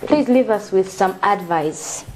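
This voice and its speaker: A woman's voice: medium pitch, animated, a little slow, darkish tone, faint music behind. Upbeat woman TV show host. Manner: frequent backchannel, upbeat sign-off thanking crew. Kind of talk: TV talk show hosting.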